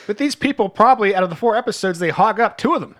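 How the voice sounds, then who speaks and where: A man's voice: high-pitched, expressive, fairly bright tone. A man co-hosting a podcast, joking and chiming in during casual chat. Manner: joking, quick interjections. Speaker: podcast co-host.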